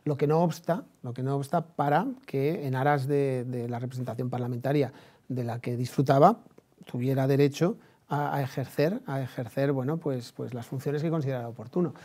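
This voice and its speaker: A Spanish man with a Spanish accent offers conversational commentary on history and politics. His voice is medium-pitched, steady, and mellow, and his delivery is discursive and halting, with repeated phrases and tag questions.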